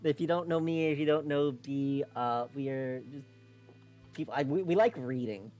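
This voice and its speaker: A man hosting a live stream, chatting casually and excitably as he plays a game, now and then swearing. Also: mid-range voice, normal speed, faint music behind. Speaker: streamer and host.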